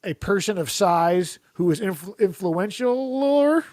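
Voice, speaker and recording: High-pitched man ranting on a comedy podcast. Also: expressive, unhurried, a little mellow, no echo, clean studio sound. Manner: ranting, opinionated, profane; acts out imagined quotes.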